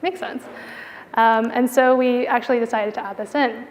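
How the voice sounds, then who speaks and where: A woman with a fairly high, steady voice speaks at normal speed, with slight background noise, as a product designer presenting at an indoor conference venue. Her delivery is casual and conversational, full of "like" and "you know," and the hall is reverberant with a long echo.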